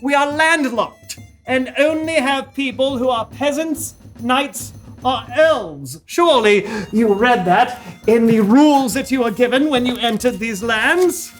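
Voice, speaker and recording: A man's voice: very high-pitched, unhurried, soft background music. A man playing a pompous medieval knight who speaks in old-fashioned formal phrases, in a kids' comedy sketch.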